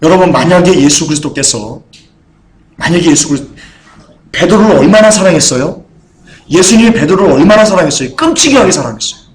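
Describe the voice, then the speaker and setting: A man preaching a sermon as pastor, building from quiet low talk to loud impassioned preaching and acting out blunt quoted speech. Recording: echoey church room.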